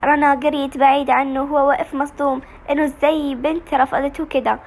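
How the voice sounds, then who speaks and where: Fast, high-voiced Egyptian woman storyteller. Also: level tone. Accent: Egyptian Arabic. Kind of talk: reading a serialized novel aloud.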